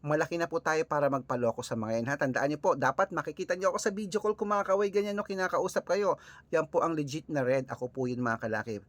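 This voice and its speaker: A man from the Philippines hosting a casual vlog, chatting with viewers and reading out lucky numbers in a lively way. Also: fairly high pitch, fast, no echo. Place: early morning, on his way out, with cars passing.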